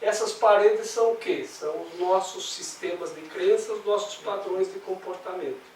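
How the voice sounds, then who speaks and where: In a meeting room, a Brazilian-accented man leads a spiritual study group, talking conversationally and posing rhetorical questions. His voice sits high, a bit mellow, at normal speed, recorded roomy from a distant mic with faint noise.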